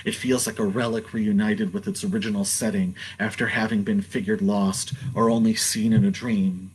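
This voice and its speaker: A man's voice: on the low side, little pitch movement, moderate pace, breathy edge, poor audio. A man performing spoken-word poetry in a rhythmic, dramatic recitation.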